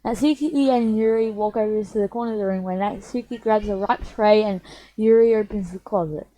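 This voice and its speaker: A woman's voice: mid-range voice, fairly quick, mellow, slight background noise, rough recording. A young woman reading a visual novel aloud for her stream, chatty and self-mocking, with a slightly sore voice. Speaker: gaming streamer.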